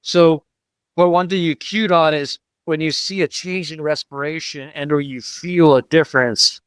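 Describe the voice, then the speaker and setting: A man's voice: a little high, steady tone, moderate pace, clean tone, no echo, clean studio sound. A man hosting a podcast interview, asking curious, clarifying questions and affirming the answers. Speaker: podcast host.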